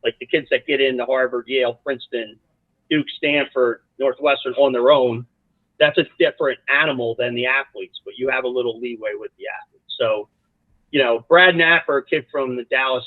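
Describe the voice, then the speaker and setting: A man from South Jersey, a college soccer coach, telling lively stories as a guest with lots of restarts. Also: mid-range voice, normal speed, dry recording. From South Jersey, USA. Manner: animated, rambling anecdotes with many restarts. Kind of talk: casual storytelling interview. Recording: dry, tinny phone-like line.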